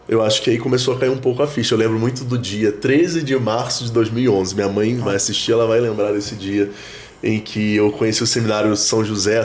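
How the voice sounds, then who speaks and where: Man in his thirties, a priest, low voice, thoughtful chat with lots of restarts, slight hiss underneath. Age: 30s. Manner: reflective, many fillers and restarts. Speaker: priest, guest. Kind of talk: casual conversation.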